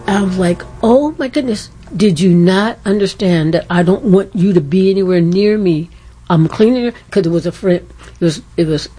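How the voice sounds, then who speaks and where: Older woman with a dark, husky voice. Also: on the low side. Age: 70s. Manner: rambling, storytelling with laughs and self-corrections. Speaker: radio guest.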